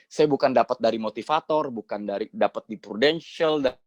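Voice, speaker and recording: Guy telling stories at a sales meeting, animated, keeps saying friends, mid pitch, dry close sound. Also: fairly quick, no echo. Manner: lively, acts out quoted dialogue, keeps addressing the audience as friends; plain conversational delivery with frequent fillers. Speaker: guest speaker at a sales team meeting. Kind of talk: motivational storytelling talk.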